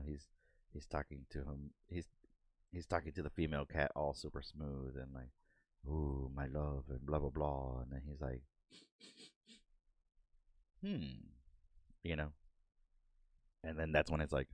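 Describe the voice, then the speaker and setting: A man's voice: a bass voice, no room sound. A man hosting a podcast, chatting casually while he doodles, laughing often and acting out cartoon moments. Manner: laid-back, laughs often, acts out cartoon bits. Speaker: podcast host and artist. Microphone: desk microphone.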